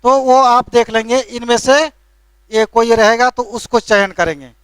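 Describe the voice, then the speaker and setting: A man's voice: very high voice, measured pace, fairly bright tone, clean tone, no room sound. A male teacher lecturing a classroom, checking in with a constant tag question and lightly scolding needless spellings. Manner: keeps adding the tag question "है ना?".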